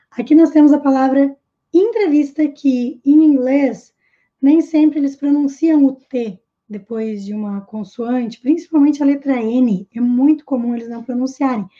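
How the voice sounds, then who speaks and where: A woman teaching a live online language lesson, drilling pronunciation slowly and deliberately. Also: high-pitched, mellow, highs cut off. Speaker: English teacher.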